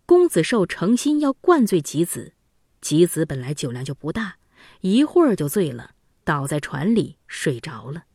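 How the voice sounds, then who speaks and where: A woman narrating a classic children's story in an expressive, dramatic way. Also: sits low, normal speed, slightly rough, dry recording, studio quality.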